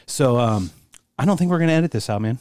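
A man's voice: medium pitch, lively intonation, fast talker, a little mellow, clear, resonant tone, dry recording, clean studio sound. A man co-hosting a podcast, joking and teasing his friend in casual chat. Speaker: podcast co-host.

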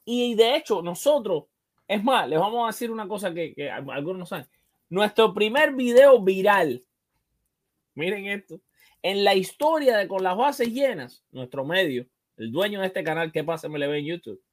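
A man with a high-pitched, animated voice hosts a sports show, talking baseball casually and emphatically at normal speed. He often repeats phrases to drive his points home.

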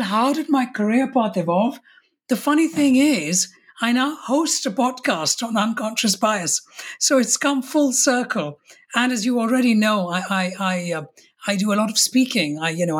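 A woman from India appears as a guest on a conversational podcast interview, her mid-range voice slightly rough. She speaks reflectively, often restarting and correcting herself.

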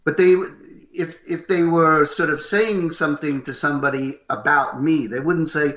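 An older man with a loud, gruff voice, telling animated stories as a voice actor being interviewed. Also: on the high side, normal speed. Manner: animated, acts out what others said. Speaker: voice actor guest. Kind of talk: interview storytelling. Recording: roomy, slightly dull recording.

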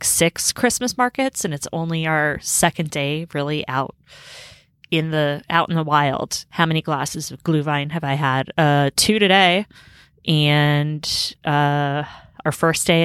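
A bubbly woman in her thirties hosts a podcast from a room aboard a river boat, chatting casually in a slangy, rambling way. Her deep voice is fairly bright and clean, with no room sound and clean studio quality.

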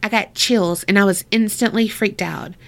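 A woman's voice: medium pitch, fairly even intonation, normal speed. A woman co-hosting a podcast, chatting casually, reading a listener's story aloud, laughing often and swearing freely.

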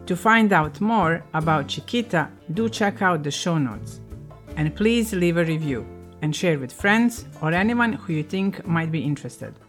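A woman's voice: fairly low pitch, expressive, unhurried, few pauses, faint music behind. A woman co-hosting a podcast, speaking briefly and matter-of-factly. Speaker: podcast co-host. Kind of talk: casual podcast chat.

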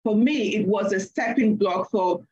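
Speaking on a panel, a Nigerian accounting leader shares a work anecdote in her Nigerian accent, circling back over what she has said. She has a medium-pitched, slightly mellow voice at a normal speed, captured with lo-fi sound.

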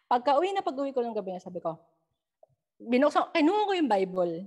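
A woman's voice: high-pitched, fast talker. Filipina woman telling ghost stories. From Philippines. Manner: mixes English into Tagalog, animated retelling with quoted dialogue. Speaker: guest storyteller. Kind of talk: casual storytelling chat.

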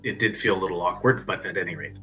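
A man's voice: low-pitched, fast talker, faint music behind. A male reporter casually retelling a phone call to colleagues, acting out the quoted lines. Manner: animated, acts out quoted lines. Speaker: reporter updating producers.

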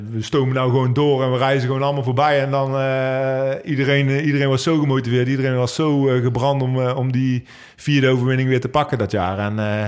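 A man in his thirties, a professional cyclist, answering interview questions at length in a hesitant way, with lots of ums and restarts. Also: medium pitch. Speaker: professional cyclist, sprint lead-out rider. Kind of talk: interview answers recalling races.

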